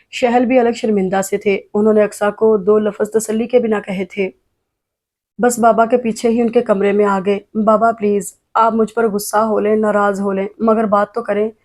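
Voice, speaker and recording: Even, mellow woman narrating a novel. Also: mid-range voice. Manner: even, measured reading. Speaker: audiobook narrator. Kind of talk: scripted narration of a romance novel.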